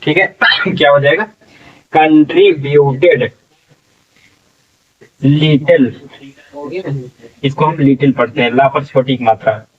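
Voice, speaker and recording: Male tutor, unhurried spelling drill, heard from a distance on a dull lo-fi mic. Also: medium pitch, fairly even intonation, breathy edge. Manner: slow, drawn-out syllable-by-syllable sounding out; frequent "theek hai" check-ins. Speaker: English teacher. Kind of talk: spelling lesson, sounding out words letter by letter.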